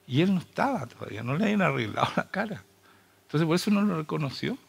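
Man, Chilean accent, sermon, gravelly, fairly high voice, impassioned. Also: big pitch swings, fast talker. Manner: impassioned, urgent rhetorical questions. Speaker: preacher.

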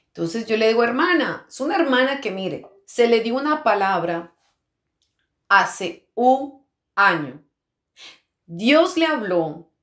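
A woman preaching a fervent sermon testimony, breaking into exclamations of praise and speaking in tongues. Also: fairly high pitch. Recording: roomy echo.

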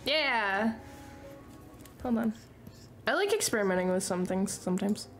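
A woman's voice: medium pitch, animated, measured pace, fairly bright tone, faint music behind. A woman streamer chatting casually with her viewers while she draws, laughing often between remarks. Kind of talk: casual chat during a live art stream.

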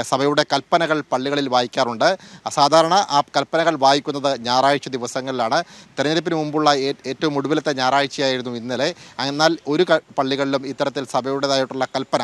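A man's voice: medium pitch, fairly bright tone. A man in his thirties reporting live for a news channel from outdoors, explaining steadily with a few small restarts. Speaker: field reporter. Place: outdoors in front of trees. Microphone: handheld channel mic.

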